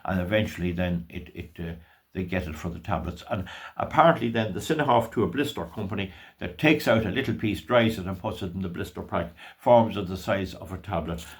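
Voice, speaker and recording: A man's voice: low-pitched, a little fast. Rambling man talking to viewers. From Ireland. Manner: rambling, stumbles over words and restarts; folksy asides to viewers. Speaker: commentator. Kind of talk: casual commentary to camera.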